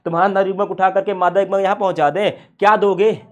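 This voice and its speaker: A man's voice: high voice, little pitch movement, fast talker, close to an everyday voice. Man voicing small insect, haggling, wheedling, playful classroom bit. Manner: wheedling, bargaining.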